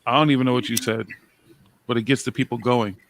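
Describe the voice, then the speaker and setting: A man's voice: medium pitch, fairly even intonation, quick pace. A man chatting casually with friends in teasing, contrarian banter. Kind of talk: casual group chat.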